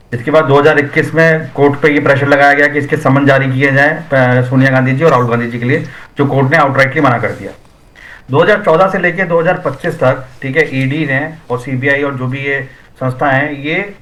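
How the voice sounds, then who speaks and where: A man's voice: on the high side, a bit bright, poor audio. A man arguing insistently as a panelist in a heated TV news debate. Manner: fast, insistent, argumentative.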